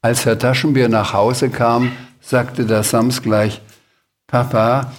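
A man giving a lively, expressive live reading of a children's book. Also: medium pitch, takes it slowly, a little hiss or hum. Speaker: reader.

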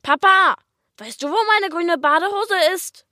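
A woman with an Austrian accent voicing an excitable young boy who shouts and whines about what he wants. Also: high-pitched, normal speed, no echo, clean studio sound, voice pushed up. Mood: shouting. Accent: Austrian German. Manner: shouty, insistent, whiny.

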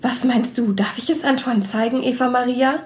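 A sweet, starry-eyed young woman in a storybook, speaking high and eager, as a woman reads her aloud. She sounds hopeful and a little in love. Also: moderate pace, a little mellow, lightly acted.

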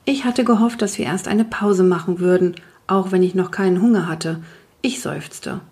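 A woman narrating a children's story in the first person, calm and even. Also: fairly low pitch, normal speed. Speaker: audiobook reader.

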